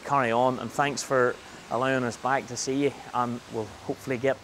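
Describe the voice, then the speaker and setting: A man's voice: medium pitch, flat delivery, fairly quick, fairly bright tone, a little hiss or hum. A man hosting a casual interview outdoors in a farm yard, chatty and jokey. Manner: chatty and jokey, with frequent laughs. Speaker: interviewer and show host.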